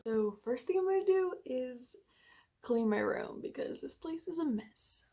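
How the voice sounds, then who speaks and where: A woman's voice: sits high, animated, a little slow, dark tone. A young woman chatting casually to her camera at home in her first vlog, rambling with plenty of fillers. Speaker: vlogger.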